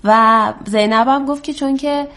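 A woman's voice: fairly high pitch, fairly bright tone. A woman teacher telling a children's story aloud, then patiently asking the children questions about it.

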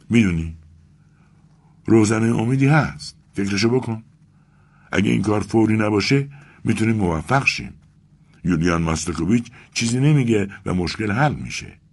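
A man voicing an earnest young man who reassures and coaxes his friend, growing excited. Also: fairly low pitch, breathy edge, pitched above the performer's own voice, full character voice. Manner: earnest, coaxing, rising with excitement.

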